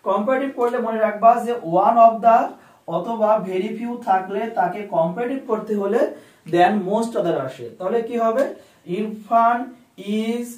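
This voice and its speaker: A man's voice: high voice, unhurried, a little mellow. A man teaching English grammar, asking questions and answering them himself. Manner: repeats key phrases, asks and answers own questions. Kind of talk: classroom lesson. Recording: roomy echo, a bit far from the mic.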